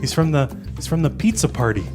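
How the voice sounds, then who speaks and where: A loud immigrant mother, put on by a man telling a story, calls across the house. Her voice sits well above his own and is pushed up in volume, as if carried through floors and ceilings. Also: sits low, very animated, fairly quick, music in the background. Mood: puzzled. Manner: calling out loudly across the house.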